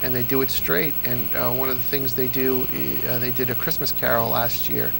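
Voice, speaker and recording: Enthusiastic and fond of repeating words for emphasis, this middle-aged interview guest, a lover of old-time radio, spins anecdotes in a casual chat. He speaks at a moderate pace, medium-pitched, gravelly and level, against background noise.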